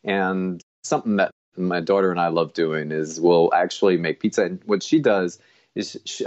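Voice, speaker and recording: A man's voice: sits low, darkish tone, lo-fi sound. A man in his fifties, originally from Colombia, chatting casually as a podcast guest, often laughing and repeating words. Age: 50s. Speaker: guest dietitian.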